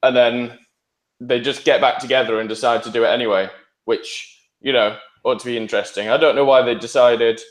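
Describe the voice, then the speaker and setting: A man of average pitch talks informally as a podcast panellist. The recording is roomy, with clear echo around his voice. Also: steady tone, brisk. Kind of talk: casual chat about TV shows. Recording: roomy, echoing sound.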